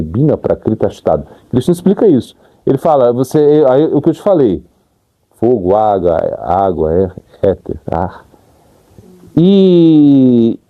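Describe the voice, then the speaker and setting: A middle-aged Brazilian monk gives an informal spiritual talk, speaking in a very dark, mellow tone. His pitch rises and falls in an animated way. He hesitates often and restarts his sentences. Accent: Brazilian Portuguese. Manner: lively, hesitant, many restarts and fillers.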